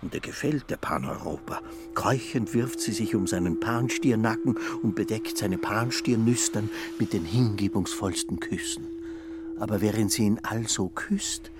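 A man's voice: on the low side, moderate pace, over loud music. A man narrating a radio play with lilting, dreamy storytelling. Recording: radio play with clear ambient noise.

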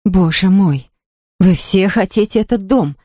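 An unhurried, warm mid-range voice, close to everyday speech, voices a middle-aged woman on the verge of hysterics whose home has been wrecked. The mood is overwrought, and the narrator reads in a dry, close studio setting.

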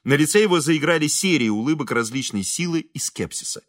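A man reading a novel aloud as audiobook narrator, with lively, theatrical delivery. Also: on the high side, a little fast, no echo, studio quality.

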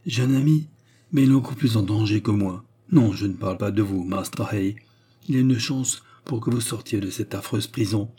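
A man voicing a young grand duchess in an audiobook, speaking softly and frankly. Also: lowish voice, moderate pace, husky. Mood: gentle.

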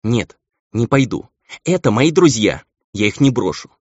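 A man's voice: mid-range voice, very animated, measured pace, darkish tone, no room sound, pitched above the performer's own voice. A man reading an audiobook, voicing a timid young male angel who pleads on the verge of tears. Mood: pleading. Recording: dull lo-fi audio.

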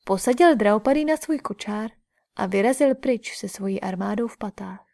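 A woman narrating an epic in calm, measured audiobook storytelling. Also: medium pitch, gravelly.

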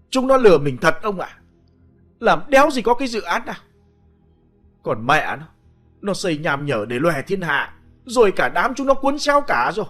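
Man playing ruined husband, panicked, cursing, rough, high and lively, spoken ghost story. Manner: rough, profane, agitated outbursts.

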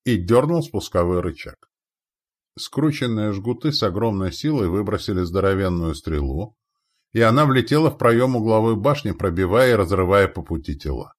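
A man with a very low voice narrating a war audiobook, his pitch rising and falling in an animated way. The reading is dramatic and vivid. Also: moderate pace.

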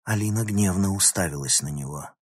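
Husky male audiobook narrator. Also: sits low, brisk, dry recording, studio quality. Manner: dramatic reading, animated phrasing.

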